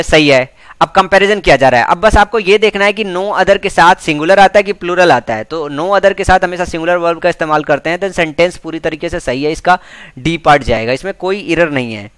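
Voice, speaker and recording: An Indian man teaching English exam questions, explaining each answer and repeating key words, reading English sentences slowly. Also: fairly high pitch, fairly bright tone, clean tone, dry recording. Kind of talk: exam prep lecture.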